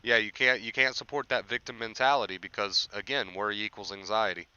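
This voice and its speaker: With a lowish, steady, clear and resonant voice that's bright and forceful, a young livestream host rants motivationally to live chat at a fairly quick clip. An anxiety recovery coach, he's emphatic, informal and repetitive, often asking "right?", and his voice is tiring from overuse. Audio is lo-fi with no room sound.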